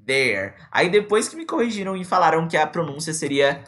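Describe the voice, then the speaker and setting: A man's voice: fairly high pitch, big pitch swings, a little fast, fairly bright tone. A young man from Brazil, teaching a casual live online English lesson and mixing in English examples.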